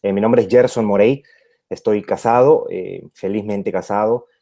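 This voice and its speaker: Hesitant pastor, dark voice. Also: male voice, lowish voice, fairly even intonation, moderate pace. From Peru. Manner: hesitant, many fillers and restarts. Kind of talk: radio interview conversation.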